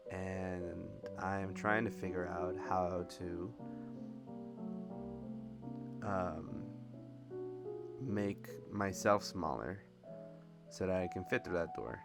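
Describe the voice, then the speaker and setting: A man's voice: low-pitched, takes it slowly, over loud music. A man doing casual, rambling commentary over video game footage and laughing often. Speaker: gameplay commentator.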